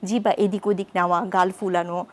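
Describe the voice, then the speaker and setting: A woman speaking as a speech therapist guest on a studio talk show, explaining in a measured way and repeating key terms. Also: on the low side, flat delivery.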